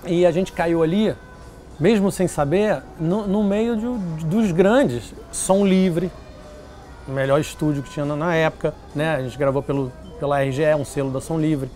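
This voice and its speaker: A man telling stories in an interview, lively and acting out what others said. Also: fairly high pitch, moderate pace, soft background music. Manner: animated, acts out quoted voices. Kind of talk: casual storytelling interview.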